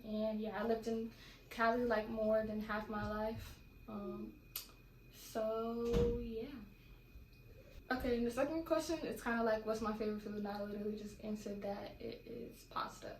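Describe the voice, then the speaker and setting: A woman's voice: on the high side, little pitch movement, moderate pace, darkish tone. A young woman from California chatting casually and rambling through a Q&A vlog at home. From California, USA. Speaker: vlogger. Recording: echoey room with faint background noise.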